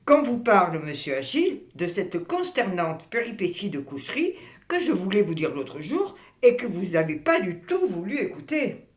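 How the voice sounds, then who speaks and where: A woman's voice: mid-range voice, sing-song, normal speed, natural voice. Woman playing polite but outspoken older lady in a theatre comedy, wordy, echoey room. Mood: reproachful.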